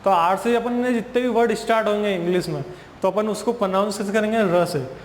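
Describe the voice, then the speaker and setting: A man's voice: high voice, fairly quick. A male teacher giving a spoken English grammar lesson in Hindi, explaining patiently and repeating himself, often asking and answering his own questions. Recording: echoey room with long reverb and faint hiss.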